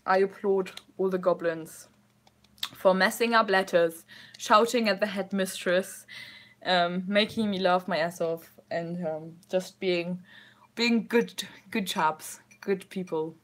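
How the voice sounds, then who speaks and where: A woman's voice: lowish voice, slow pace. A young woman vlogger telling stories in a casual, rambling way, with many fillers and frequent giggles. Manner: giggly, laughs often while telling stories. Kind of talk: casual storytelling.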